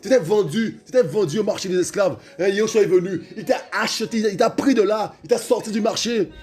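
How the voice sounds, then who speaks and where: Fervent high-voiced male preacher. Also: fairly quick, faint music behind. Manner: fervent, repetitive, calls out to listeners, stammers, shouts at times.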